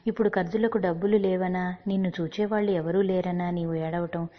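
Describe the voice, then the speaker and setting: A woman voicing a wise young girl who reasons calmly through probing questions, in a dull recording with long reverb. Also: on the low side, fairly quick, close to an everyday voice.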